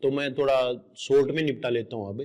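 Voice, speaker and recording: A man's voice: mid-range voice, fairly even intonation, brisk, a little mellow. A middle-aged man teaching exam grammar in a patient lecture, explaining step by step and repeating each correct word aloud.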